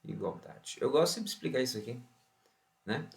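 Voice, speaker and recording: A man's voice: medium pitch, animated, a little fast, vocal fry, a little mellow. A Brazilian man teaching an online science lesson, asking rhetorical questions and then answering them himself. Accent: Brazilian Portuguese. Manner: opens with a Bible verse and blessing.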